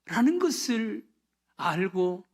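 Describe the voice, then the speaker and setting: A pastor preaching a sermon, swinging from loud emphasis down to hushed whispers and dropping short affirmations between phrases. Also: mid-range voice, big pitch swings, slow pace.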